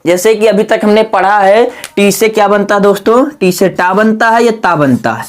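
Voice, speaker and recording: A man teaching English grammar in a classroom style. He often puts questions to the listener and answers them himself, spells words out slowly letter by letter, and drops low and quiet when he gives the answer.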